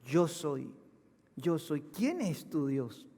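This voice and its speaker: A male pastor preaching a sermon, building to loud, emphatic proclamations. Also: on the high side, very animated, extremely slow, big-room sound. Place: church hall.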